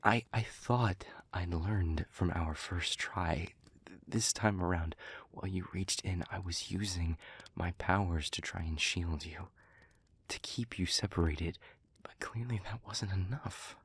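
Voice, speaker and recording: In an intimate audio roleplay, a man voices an anguished demon who pleads protectively with a former lover. His deep, fairly bright voice is husky and breathy, and he halts and stammers out of earnestness. The performance is heavily acted.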